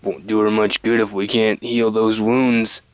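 A man's voice: fairly low pitch, flat delivery, measured pace, smooth, no room sound, faint music behind, natural voice. A man reading the lines of a sarcastic male fighter in a game, wryly and in his own voice.

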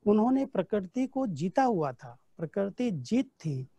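A man's voice: sits high, big pitch swings, a little slow, warm tone. A man giving a spiritual class, telling personal anecdotes and recounting conversations from memory. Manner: storytelling, recounting dialogue from memory.

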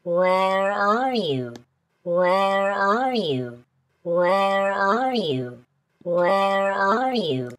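A man's voice: sing-song, extremely slow, a bit bright, heavily acted. Man's voice formant-shifted into a robotic portal sound. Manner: choppy, mechanical, locked to set notes. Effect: formant-shifted, hard pitch-corrected robotic portal voice. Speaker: music production tutor demonstrating an effect.

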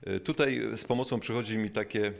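A man, a bishop, giving a reflective spiritual talk, thoughtful and unhurried, with frequent pauses and fillers, slowing down to stress key words. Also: fairly low pitch, gravelly. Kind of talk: reflective spoken teaching.

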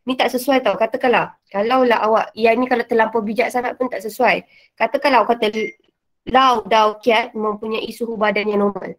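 A woman's voice: fairly high pitch, steady tone, a little fast. Casual Malaysian woman teacher. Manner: casual, mixes in English words, many fillers. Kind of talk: online revision lesson.

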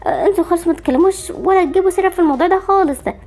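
Woman doing barbie, anxious egyptian mom, really high voice, fretful and hushing. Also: very fast. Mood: fretful, soothing. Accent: Egyptian Arabic. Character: anxious young mother Barbie, protective. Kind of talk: amateur game-movie voice acting.

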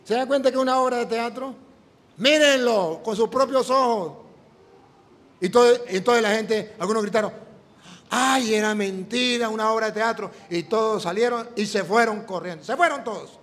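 A priest preaches with a fairly high, animated voice, acting out the dialogue of his story as he goes. His words ring out with a long reverb, as in a big church hall. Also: normal speed. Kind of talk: sermon with storytelling.

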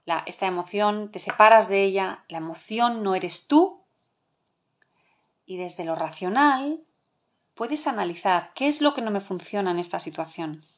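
A middle-aged woman with a Spain Spanish accent leads an online parenting masterclass, her voice pitched in the middle of the usual range for a woman. She speaks earnestly and with emphasis, and keeps asking the audience rhetorical questions. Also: lively intonation, unhurried. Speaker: parenting educator.

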